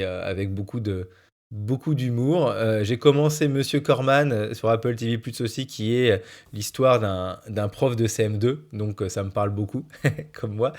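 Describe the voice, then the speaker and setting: A man's voice: lowish voice, darkish tone. A man, a primary school teacher, hosting his own podcast in casual solo chat, hesitating often with fillers and restarts.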